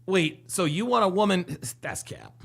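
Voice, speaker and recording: His voice sits high and is creaky and a bit bright, delivered at a moderate pace. As a streamer doing live reaction commentary on a dating show clip, he reads viewer comments aloud, joking and repeating himself.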